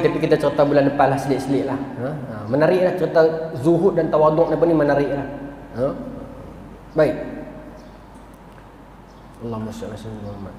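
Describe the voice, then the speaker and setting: A man with a northern Malaysian accent giving a storytelling religious lecture, speaking straight to his audience. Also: fairly high pitch. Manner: animated storyteller, acts out quoted voices, addresses audience directly. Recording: very echoey hall, long reverb, faint noise.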